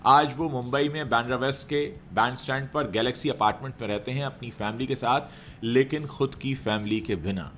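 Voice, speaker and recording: A man's voice: medium pitch, fairly quick, fairly bright tone, a little hiss or hum. A man giving conversational entertainment news commentary, talking straight to viewers with rhetorical questions.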